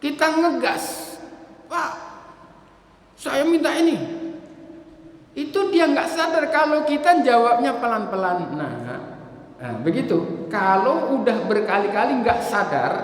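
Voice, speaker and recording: Lively preacher man in an echoey mosque. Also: very high voice, measured pace. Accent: Indonesian. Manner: lively storytelling, acting out parents and children. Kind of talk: mosque study sermon. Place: mosque hall. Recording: echoey hall reverb.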